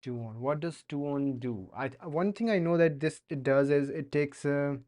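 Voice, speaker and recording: A little high and darkish in tone, his voice moves a little slowly as this young Indian-accented man codes live and chats casually. The streamer is learning to code and speaks hesitantly, with frequent fillers and restarts.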